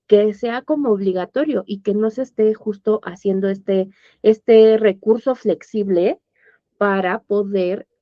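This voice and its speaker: A woman's voice: mid-range voice, no echo. A woman with a Mexican accent teaching an online course in a conversational way, often checking that her listeners follow. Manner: conversational, checks understanding with tag questions. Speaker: course instructor. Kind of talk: informal online lesson. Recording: dull, dry lo-fi audio.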